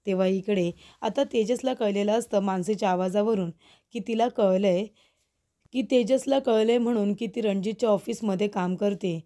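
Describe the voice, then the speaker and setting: A woman tells the latest episode of a family serial in steady recap narration. Her voice is mellow and darkish, evenly paced. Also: mid-range voice, normal speed. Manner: steady narration, reads all characters' lines.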